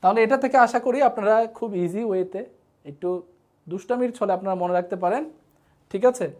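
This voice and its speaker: A woman's voice: medium pitch, a little fast, a little mellow. Woman teaching a live online lesson. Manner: repeats checks with students, playful memory tricks. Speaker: online tutor.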